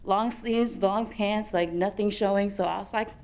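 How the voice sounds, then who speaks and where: A woman's voice: mid-range voice, fairly even intonation, moderate pace, darkish tone. A young woman from American Samoa, speaking on a youth panel, telling her personal story candidly with many fillers and restarts.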